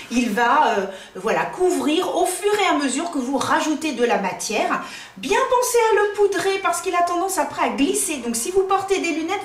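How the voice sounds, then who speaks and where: A woman's voice: high voice, recorded from a distance, a little hiss or hum. A woman doing a casual makeup review from her home in the countryside, chatty, with lots of fillers and self-mocking asides. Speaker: beauty vlogger. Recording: roomy echo, voice a bit off-mic.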